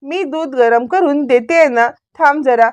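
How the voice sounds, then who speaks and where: A woman's voice: sits high, unhurried, no room sound. A woman reading out the lines of a fussy, meddling aunt from a television serial, who talks in a fretful, apologetic way.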